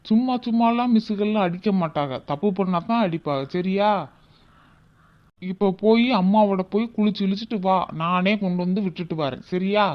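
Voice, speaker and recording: A man playing a gentle father, soothing his daughter and gently chiding his wife. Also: sits high, normal speed, muffled recording, close to an everyday voice.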